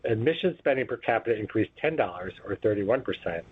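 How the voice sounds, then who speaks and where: Over a tinny, muffled phone conference line with a little hiss or hum, a man reads a scripted earnings call presentation as a company executive. His lowish voice has lively intonation, though his manner stays formal and businesslike as he recites figures in a measured way.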